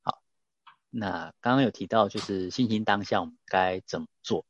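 Guy hosting, really deep voice, thoughtful follow-ups, bit muffled audio. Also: normal speed, no echo. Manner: reflective, builds on guest's points. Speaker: host. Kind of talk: casual interview talk.

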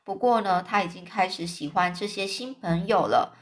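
A woman reading a children's story aloud in a lively, chatty way, adding casual fillers. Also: medium pitch, normal speed.

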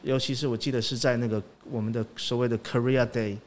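Man, 40s, interview guest, halting speech, frequent affirmations, English words mixed in. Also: mid-range voice, fairly even intonation, slight background noise. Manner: halting, repeats 对 often, drops English words. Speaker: sound director guest. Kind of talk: casual interview chat.

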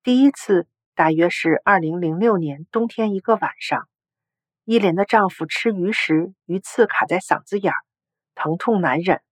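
A woman narrating a story article in a steady, even storytelling read. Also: on the low side, normal speed, no echo.

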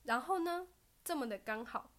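Animated young woman telling stories. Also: sits high, moderate pace. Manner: animated storytelling, bursts of laughter and loud self-cheers. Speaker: podcast guest. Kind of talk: casual chat.

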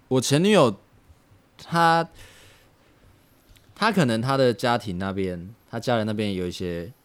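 A man on a podcast, reacting and starting a story in an animated, hesitant way. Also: mid-range voice. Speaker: podcast co-host. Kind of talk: casual podcast chat.

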